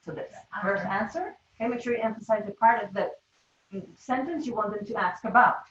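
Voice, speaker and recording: A woman leading teachers through a classroom game, giving quick, instructive directions and laughing often. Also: medium pitch, a bit bright. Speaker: teacher trainer. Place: classroom or training room. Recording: roomy, distant, dull classroom sound.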